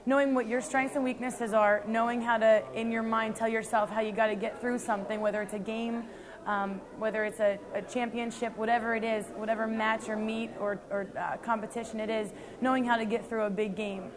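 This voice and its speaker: Young woman athlete, earnest and halting, somewhat high-pitched. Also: flat delivery, a crowd in the background. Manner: earnest, with frequent ums and restarts. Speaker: CrossFit athlete. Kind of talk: reflective interview answers.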